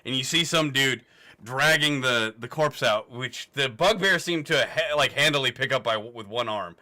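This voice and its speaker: Bright, crisp male game master, casual and crude, easy laughs. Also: medium pitch, moderate pace. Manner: casual, swearing, laughing narration. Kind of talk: narrating a tabletop game.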